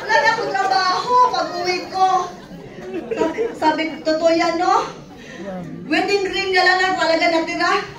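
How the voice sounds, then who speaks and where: A middle-aged woman tells her personal testimony to an audience in an event hall, laughing and acting out quotes as she goes. Her very high voice keeps a fairly even intonation at a moderate pace. Recorded from far off in the echoey hall, she has crowd noise and the audience faintly behind her.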